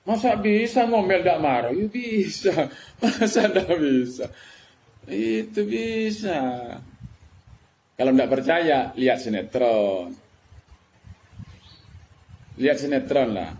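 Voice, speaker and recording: A man's voice: on the high side, lively intonation, slow pace, long pauses, darkish tone. A middle-aged man with a Madurese-Javanese Indonesian accent giving a religious lecture, emphatic and full of rhetorical questions. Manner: emphatic, rhetorical questions, mixes colloquial words. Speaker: preacher. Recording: faint background noise.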